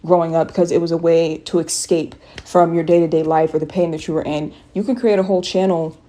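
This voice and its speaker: A woman's voice: lowish voice, level tone, fairly quick, warm tone. A young woman YouTuber talking earnestly and encouragingly to her viewers, with many "you know"s and "like"s. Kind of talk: casual talk to camera with a voiceover.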